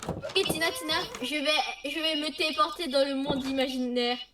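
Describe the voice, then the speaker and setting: A woman's voice: high voice, steady tone, normal speed, noisy background. A woman chatting casually while playing a video game with her sister, goofy and playful, making silly noises. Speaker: let's play gamer. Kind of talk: casual gaming chat.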